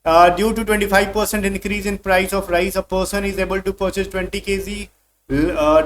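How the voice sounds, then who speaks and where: Male math tutor, high voice, chatty exam-prep lesson, slow English read-outs, faint background hiss. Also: fairly bright tone. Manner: calls students "bhai", reads English questions slowly. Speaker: math teacher.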